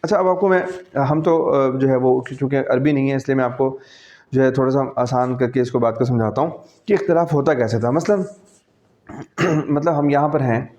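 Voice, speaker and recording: Mellow-voiced Pakistani man teaching. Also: mid-range voice. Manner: conversational, explains patiently, often checks understanding. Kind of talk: classroom-style lecture. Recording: dull lo-fi recording.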